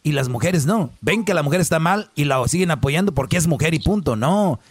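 A man's voice: on the high side, lively intonation, brisk, no room sound. A man hosting a podcast, commenting on a clip in a ranting, preachy way. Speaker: podcast host.

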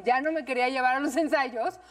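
A woman with a Mexican accent in casual chat, telling an animated, nostalgic story from her childhood. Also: sits high, brisk, over a noisy crowd. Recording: distant mic.

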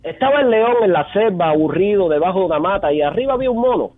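A man calling in to a radio show, telling a joke in an animated way and acting out the animals. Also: sits high, fast talker, dry recording, soft background music. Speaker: caller. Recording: tinny phone line.

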